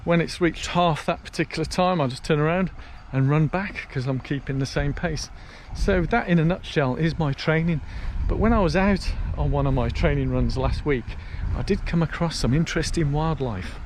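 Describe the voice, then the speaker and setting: A British man with a slightly high voice records a casual walk-and-talk vlog. He chats in a storytelling way out in the open, with faint outdoor ambience and traffic noise behind him. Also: normal speed, hardly any pauses. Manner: chatty storytelling while walking outdoors. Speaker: vlogger. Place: outdoors on a canal path.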